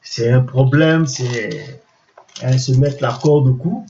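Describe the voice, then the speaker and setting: Slow, mellow Ivorian-accented man, distant and echoey. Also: mid-range voice, gravelly. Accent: Ivorian French. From Ivory Coast. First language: French. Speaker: guest preacher, apostle. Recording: muffled, noisy, roomy, distant microphone.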